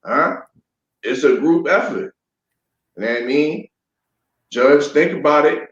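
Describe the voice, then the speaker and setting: A man co-hosting a casual boxing talk show, speaking in a halting way with frequent restarts. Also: a little high, a bit bright, reverberant, lo-fi sound. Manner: halting, many fillers and restarts. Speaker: podcast co-host.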